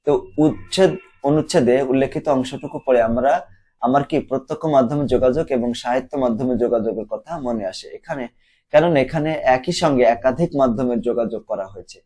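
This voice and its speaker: A man explains exam answers to students, patient and methodical, repeating words aloud to show how they should be pronounced. His voice is dark and mellow with a slightly husky edge. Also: medium pitch, fairly quick. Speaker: teacher. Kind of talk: exam question walkthrough.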